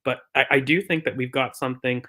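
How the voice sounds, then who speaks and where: A man's voice: mid-range voice, steady tone, fast talker, sharp tone. A man co-hosting a casual football chat, thinking aloud with many fillers and explaining injuries from a physio's view. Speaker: podcast co-host.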